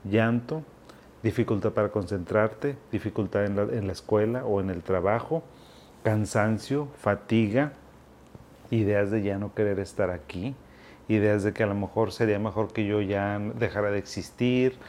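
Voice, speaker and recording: A man's voice: lowish voice, moderate pace, slight background noise. A man, a mental health specialist, giving casual advice straight to the listener. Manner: warm direct second-person advice, with Mexican slang. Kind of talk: informal advice talk.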